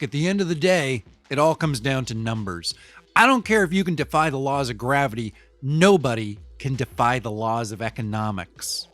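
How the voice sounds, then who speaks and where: In an audio drama monologue, a man plays a cynical, pragmatic business type, explaining things in a matter-of-fact, opinionated, conversational way. His mid-range voice sounds natural, and his mood is blunt and opinionated.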